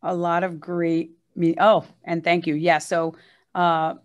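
A woman's voice: on the low side, level tone, slow, muffled recording. A woman executive fields the last questions of an online presentation, friendly and businesslike, her sentences dotted with small fillers. She speaks from a room shared with a production team. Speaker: agency executive presenting a webinar. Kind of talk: casual presentation Q&A.

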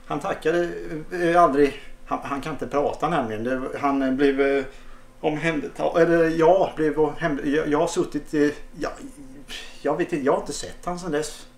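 A man's voice: on the high side, steady tone. A man telling a crude, absurd comic story, stammering and hesitating often. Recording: echoey room.

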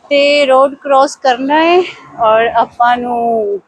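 A woman's voice: high-pitched, steady tone, slow pace, no room sound, low-quality recording. A woman chatting casually to viewers in an exclamatory running commentary as she walks outside. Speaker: vlogger. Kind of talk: casual walking vlog chat to viewers. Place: outdoors, walking along streets. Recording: outdoor ambient noise.

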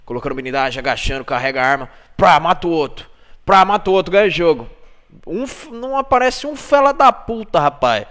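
A man's voice: a little high, very animated, brisk, a bit bright. A man with a Brazilian Portuguese accent streaming a game live, trash-talking and greeting chat viewers.

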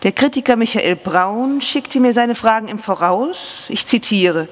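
A middle-aged woman moderator reading an introduction from her notes in a measured, formal way. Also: on the high side, expressive. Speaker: event moderator. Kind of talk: read introduction. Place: large theatre stage. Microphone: stand mic at a lectern. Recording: reverberant hall.

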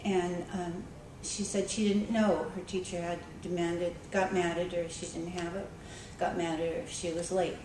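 Speaking at a conference, this woman librarian shares a story conversationally, with frequent ums and restarts. Her lowish voice has a flat delivery at a moderate pace with few pauses. She's captured from a distance in an echoey conference room, with background noise.

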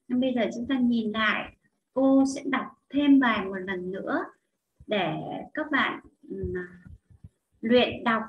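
Vietnamese woman teacher in an echoey room. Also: fairly high pitch. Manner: explains words slowly, models pronunciation with repetitions. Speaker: high school English teacher. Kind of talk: vocabulary lesson and reading aloud. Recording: echoey room, dull lo-fi audio with faint noise.

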